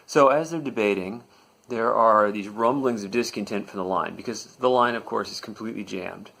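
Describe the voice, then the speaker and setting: A man's voice: on the low side, moderate pace, creaky, a bit bright. A man telling a comedic personal story with a dry, matter-of-fact delivery.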